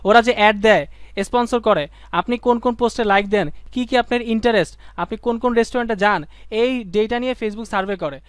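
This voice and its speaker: A young Bangladeshi man teaches a live online class with a very high, quick voice, pushing students to call out answers and repeating key points over and over. He is playful and jokey. His voice comes through smooth and clear in a dry, close sound. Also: no room sound. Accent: Bangladeshi Bengali. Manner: calls on students to shout answers, drills by repetition; playful, slips into sung lines and mock phrases.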